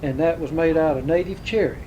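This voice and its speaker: A man with a slightly high voice and a Southern accent conducts an informal interview. He asks folksy, probing questions, with faint rumbling noise on the tape. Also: fairly quick, dull audio. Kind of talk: informal oral history interview.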